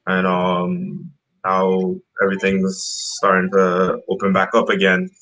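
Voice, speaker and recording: A Trinidadian rapper in his thirties, guesting on a casual interview, talks about how he got started in music. His deep voice moves at a measured pace, relaxed and rambling with fillers and restarts, over a rough recording.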